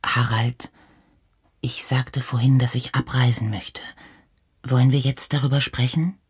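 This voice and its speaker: A man voicing a wistful, restless young woman in a hushed, half-whispered way, in a radio reading. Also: medium pitch, flat delivery, a little slow, breathy edge. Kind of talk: audiobook reading.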